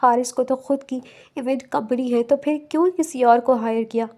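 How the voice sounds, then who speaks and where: Hurried, curious young man friend, voiced by a woman in a romance audiobook. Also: high voice, fairly even intonation, darkish tone, lightly acted.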